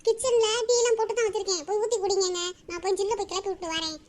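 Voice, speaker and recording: A woman's voice: extremely high pitch, rapid-fire. Woman playing a coaxing cartoon mother. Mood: complaining. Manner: coaxing, scolding.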